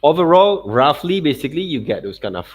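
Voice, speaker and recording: In an informal software demonstration of digital illustration, a man thinks aloud and keeps checking in with "okay" and "right." His voice is a little high and sing-song, and he talks a little fast.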